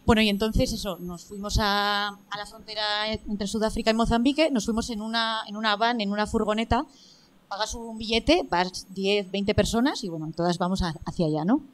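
A woman's voice: mid-range voice, moderate pace. A woman from Navarre, up from the audience, telling a story in an orderly, composed way. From Navarre, Spain. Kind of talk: casual anecdote on stage.

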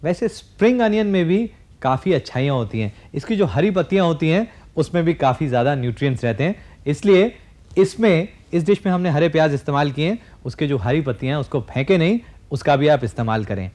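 A fortysomething TV cooking host demonstrates a recipe in a studio kitchen, taking viewers patiently through each step as he speaks straight to them. A clip-on mic picks up his fairly high voice up close, which is animated, quick and a little mellow.

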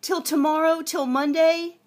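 A woman with a high voice talks into a handheld phone outdoors in a parking lot. She stays polite but keeps pressing for clear answers, asking again and again until she gets them. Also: flat delivery, unhurried, a little mellow, slight background noise. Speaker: towing victim filming her ordeal. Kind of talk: handheld phone vlog and phone call. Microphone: phone camera held in hand.

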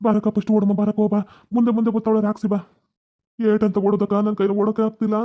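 Voice actor doing a scared village guy, north karnataka accent, rattling fast, dull lo-fi sound, cartoon. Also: mid-range voice, completely flat delivery, close to an everyday voice. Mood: panicky. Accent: North Karnataka Kannada. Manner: fast, panicky pleading. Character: panicky village man, ex-convict, running scared. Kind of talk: cartoon comedy voice acting.

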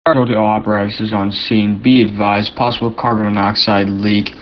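A man's voice: on the low side, flat delivery, fairly quick. A male emergency dispatcher relaying information in procedural language over a two-way radio. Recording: dull radio, faint noise.

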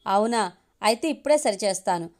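A woman's voice: mid-range voice, animated, brisk, darkish tone, lightly acted. A woman voicing a joking, easygoing young husband in a storybook reading, who grows exasperated with his wife. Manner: joking, then pleading and exasperated.

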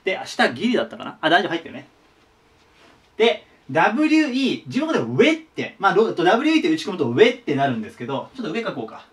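A man's voice: sits high, huge pitch swings, very fast, a bit bright. A man giving a casual whiteboard lesson as an online tutor, chatty and sharing his own memory tricks. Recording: voice a bit distant from the mic.

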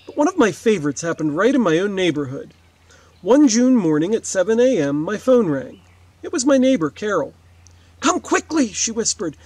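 A fourth-grade teacher in his forties, his voice high and a little mellow, reads aloud expressively to children outdoors beside a wetland lake. He pauses for asides, explaining as he goes in this read-aloud lesson.

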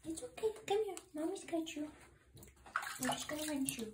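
A woman's voice: high voice, lively intonation, normal speed, very noisy. A woman bathing her pet and soothing it with cooing baby talk in a bathroom. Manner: cooing, repeats soothing words. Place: bathroom with running water. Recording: echoey bathroom, running water.

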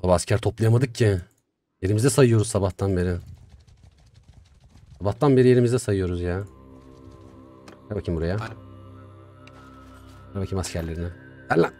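Chatty Turkish-speaking gamer, low mellow voice. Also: male voice, moderate pace, long pauses. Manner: chatty, talks to himself, excitable swings. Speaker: gaming YouTuber. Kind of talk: casual gameplay commentary. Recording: faint music behind.

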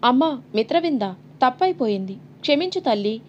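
A broken male demon spirit begs for mercy in a pained, pleading voice, as a woman narrator puts him on. It has a high pitch and a slightly dull, lo-fi sound, as in a read-aloud storybook. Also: big pitch swings, fairly quick, noisy background. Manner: begging, pained.

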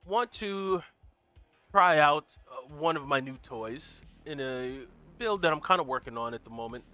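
A gaming livestream host with a stuffy voice from a cold sounds bright, forceful and fairly high-pitched, clearing his throat now and then in a dry recording. He gives casual live gameplay commentary, friendly as he greets chat viewers by name and walks through game build details.

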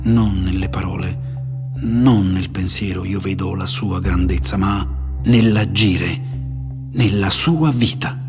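A man narrator voicing a serene, wise old male sage, speaking slowly and earnestly. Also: low-pitched, fairly even intonation, over music. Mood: tender, earnest. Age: older. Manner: slow, measured, earnest.

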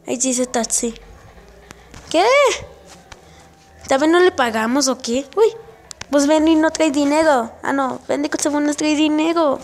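A woman giving casual gameplay commentary for her channel, excitable and yelping often, with direct shout-outs to viewers. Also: high-pitched, measured pace, pauses often. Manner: excitable, with frequent yelps and exclamations. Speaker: gaming channel host.

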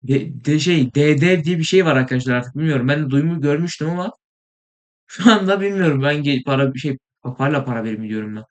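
Young male gaming host, tired, quick and slightly high, excitable rambling commentary. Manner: rambling, excitable, swears in frustration, trails off into mumbling. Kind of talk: casual gameplay commentary.

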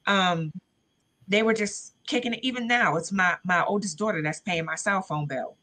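A woman's voice: on the low side, sharp tone. A woman speaking as a panelist, telling a heartfelt personal story with emotion, over a video call. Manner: emotional, heartfelt, tearful at times.

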